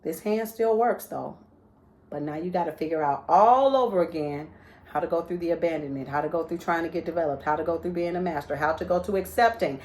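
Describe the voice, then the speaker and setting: A woman's voice: fairly low pitch, brisk, darkish tone. A woman giving an informal inspirational talk, storytelling in a conversational way and acting out the voices of people in her stories. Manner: conversational, asks "right?" often. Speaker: motivational speaker.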